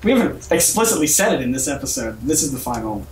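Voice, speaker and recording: A man's voice: medium pitch, sing-song, fast talker. A man co-hosting a podcast in casual chat, his voice muffled as if underwater by a poor camera microphone. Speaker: podcast co-host. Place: room, recorded far from a camera microphone. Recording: distant camera mic, roomy, noisy, underwater sound.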